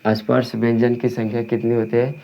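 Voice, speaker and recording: A man with a Bihari Hindi accent teaching a grammar lesson, asking and answering his own questions and dictating slowly and repetitively. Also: mid-range voice, completely flat delivery, gravelly, warm tone, poor audio. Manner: slow dictation, drawn-out words.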